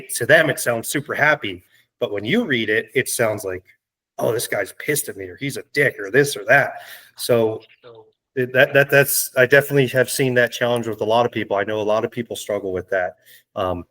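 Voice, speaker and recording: Lively storytelling podcast co-host man. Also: mid-range voice, rough recording. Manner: animated storyteller who acts out little exchanges. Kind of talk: casual chat.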